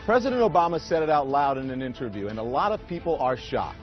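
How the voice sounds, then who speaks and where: A male reporter throws out dramatic, provocative questions in a high-ish, swooping voice. The sound is dull, with music behind. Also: lively intonation, quick pace.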